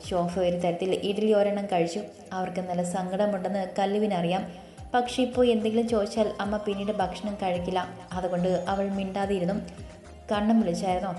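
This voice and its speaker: A woman narrating a story in a calm, even storytelling voice. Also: medium pitch, fairly quick. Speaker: audiobook narrator. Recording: roomy echo with faint music.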